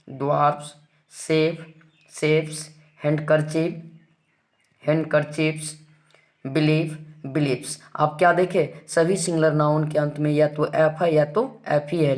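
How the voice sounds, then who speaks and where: A man teaching English grammar rules in Hindi, with an Indian accent in English, who poses questions and answers them himself and reads the rules out slowly. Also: a little high. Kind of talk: classroom-style grammar lesson.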